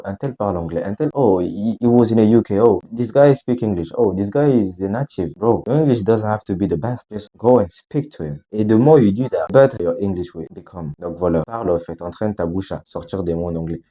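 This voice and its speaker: A man's voice: deep voice, warm tone, husky. A man giving casual, direct coaching on speaking English, switching between French and English mid-sentence and calling the listener brother. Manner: informal, direct, addresses viewer as brother. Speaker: English teacher. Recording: slightly dull lo-fi sound.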